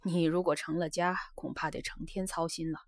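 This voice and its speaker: A calm, evasive grown man who answers softly and sidesteps questions, as a woman narrator reads his lines. She keeps him low and quiet, a little under her usual voice. The recording is dry and close. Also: normal speed, no echo. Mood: mild.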